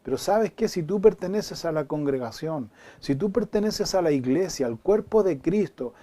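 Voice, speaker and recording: A man preaches a Bible study, earnest and pressing with repeated rhetorical questions. His voice sits fairly high, yet the tone is mellow and warm. He has a lilt. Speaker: pastor.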